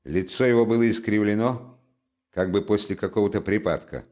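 A man narrating a classic novel in an expressive, measured storytelling manner. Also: fairly low pitch. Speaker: audiobook narrator. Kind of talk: literary audiobook narration.

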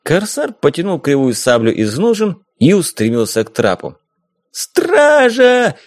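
A man narrating a first-person audiobook in a wry, expressive way. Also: medium pitch, normal speed, dry recording, clean studio sound.

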